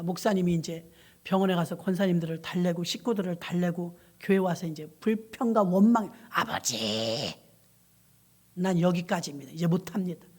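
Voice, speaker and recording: Woman pastor preaching with animated storytelling. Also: fairly low pitch, husky. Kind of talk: sermon.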